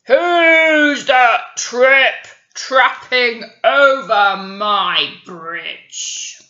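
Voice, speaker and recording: A woman voicing a big, greedy male troll in a children's story, bellowing drawn-out threats. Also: on the high side, pushed and bright, reverberant, dull audio, exaggerated voice. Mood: hungry, menacing.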